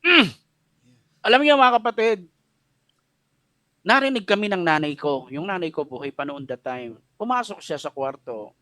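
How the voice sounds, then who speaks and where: A man's voice: sits high, very animated, moderate pace, long pauses, sharp tone, no echo. A middle-aged man with a Filipino accent preaching a radio sermon, telling a personal story with feeling and mixing Tagalog and English. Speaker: pastor.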